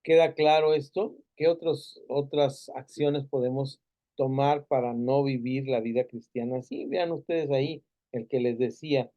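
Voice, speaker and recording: A man's voice: mid-range voice, unhurried, dark tone, poor audio. A man with a Mexican Spanish accent teaching a Bible class, asking the students questions and adding many fillers and tag questions.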